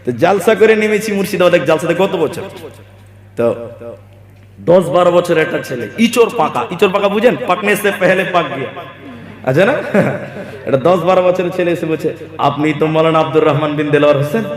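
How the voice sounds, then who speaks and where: Preacher from Assam, echoing hall. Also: male voice, high-pitched, animated, brisk. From Assam, India. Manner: joking, rhetorical questions to the crowd. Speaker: Islamic preacher. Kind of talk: humorous sermon storytelling. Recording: echoey hall with long reverb.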